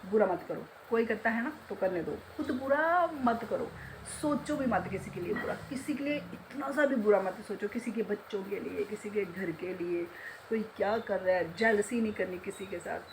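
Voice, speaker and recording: In a home vlog, a middle-aged woman who runs a beauty salon chats casually, talkative and poking fun at herself, often bursting into laughter. Her voice is medium-pitched at a normal pace, with a noisy background.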